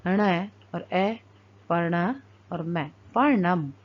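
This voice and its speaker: A woman teaching a recorded lesson, explaining words slowly and spelling out sounds one at a time. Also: fairly low pitch. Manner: slow, careful and deliberate, spelling out sounds one by one. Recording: dull lo-fi recording.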